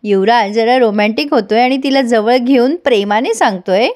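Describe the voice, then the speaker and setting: A woman retelling a TV serial episode in a lively storytelling way. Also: fairly high pitch, normal speed. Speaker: episode recap narrator.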